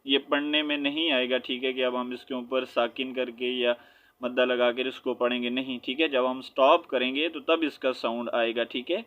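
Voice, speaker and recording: A man's voice: medium pitch, flat delivery, highs cut off. Pakistani man teaching Quran letter by letter. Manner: spells out letters and vowels slowly, checks with frequent rhetorical questions. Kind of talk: Quran reading lesson.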